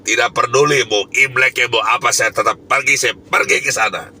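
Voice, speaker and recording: A man's voice: medium pitch, normal speed, bright, forceful tone, a little hiss or hum. A man preaching a sermon as an evangelist, telling a personal story emphatically with bursts of raised voice. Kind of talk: sermon testimony.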